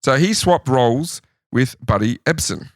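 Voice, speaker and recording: A man's voice: mid-range voice, lively intonation, unhurried, no room sound, clean studio sound. An Australian man co-hosting a podcast, casually telling trivia stories from his notes. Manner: storytelling, recounting trivia from notes. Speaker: podcast co-host. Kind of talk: casual chat.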